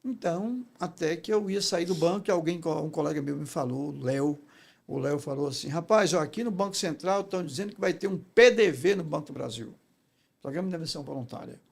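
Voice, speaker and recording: A fast-talking Brazilian man with a slightly high, husky voice and vocal fry is a guest in an interview. He teaches public speaking and tells his stories in a conversational, emphatic, didactic way, repeatedly checking for agreement.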